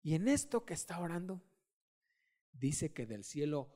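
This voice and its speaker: A man preaching a sermon, dramatic, swinging from hushed storytelling to shouts and urging the congregation to join in. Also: fairly high pitch, sing-song, unhurried.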